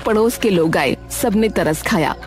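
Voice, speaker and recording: A woman's voice: medium pitch, animated, a little slow, darkish tone, soft background music. Dramatic woman storyteller. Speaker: narrator. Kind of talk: scripted story narration.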